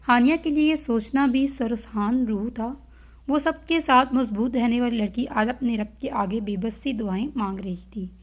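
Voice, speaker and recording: Woman reading a romance novel aloud, expressive, fairly high voice, dull lo-fi recording. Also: normal speed. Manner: expressive storytelling. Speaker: novel reader, channel host. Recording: dull lo-fi audio.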